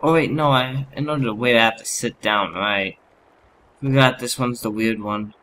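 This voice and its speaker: A man's voice: mid-range voice, moderate pace, bright, forceful tone. A man giving casual video game commentary, muttering to himself in a mildly exasperated way. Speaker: gamer narrating own playthrough.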